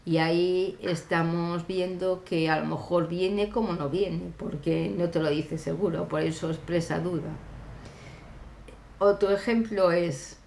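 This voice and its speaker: A woman teacher explaining grammar slowly and deliberately, pausing often with fillers. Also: lowish voice, fairly even intonation, gravelly, a little mellow, echoey room, slight background noise. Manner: deliberate, hesitant with frequent fillers. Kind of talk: slow classroom grammar explanation.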